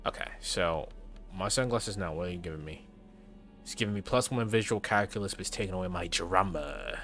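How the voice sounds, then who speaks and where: Guy streaming a game, kinda low but bright voice, sweary playful commentary, reads text out. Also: fairly quick, soft background music. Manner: slangy, profane, playful. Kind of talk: casual playthrough commentary, reading game text aloud.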